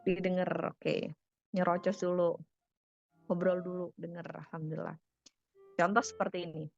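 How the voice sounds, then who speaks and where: Animated woman giving a family talk. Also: lowish voice, normal speed, creaky, highs cut off, faint music behind. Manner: animated, acts out quoted family members. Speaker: speaker on family communication. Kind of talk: casual talk to an audience.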